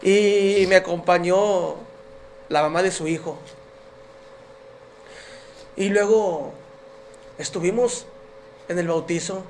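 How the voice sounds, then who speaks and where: A man's voice: high-pitched, slow, long pauses, slight background noise. A man giving his personal faith testimony as a podcast guest, telling his story in an earnest, emotional way.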